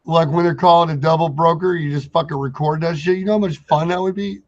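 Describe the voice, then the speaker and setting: A man's voice: fairly high pitch, fairly even intonation, fast talker. A man co-hosting a trucking talk show in casual banter, rambling and blunt, with heavy swearing. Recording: dull lo-fi audio.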